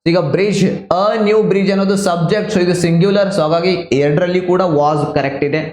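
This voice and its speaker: A male teacher with a Kannada accent, explaining grammar one step at a time in a mix of Kannada and English. His voice sits a little high for a man. The room around him rings with echo. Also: fairly even intonation, fairly quick, a little mellow, a little hiss or hum. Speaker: exam prep teacher. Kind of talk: online class lecture.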